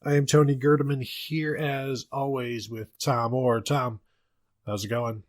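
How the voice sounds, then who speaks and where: A man's voice: medium pitch, level tone, unhurried. A man with an American accent hosting a casual sports podcast, joking and rambling through asides. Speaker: podcast host.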